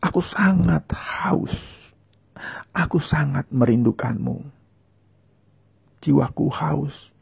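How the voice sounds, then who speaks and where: Gravelly, husky-voiced preacher man. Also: fairly high pitch, slow, long pauses, a little mellow. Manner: fervent, repetitive prayer lines for viewers to echo; speaks in tongues. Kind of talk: leading viewers in prayer.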